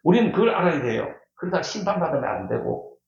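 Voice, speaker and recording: A man's voice: on the high side, sing-song, fast talker, gravelly. A male pastor, likely middle-aged, preaching a sermon in a church. He talks emphatically, repeats key words and puts questions to the congregation. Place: church sanctuary. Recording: echoey church hall, dull lo-fi sound.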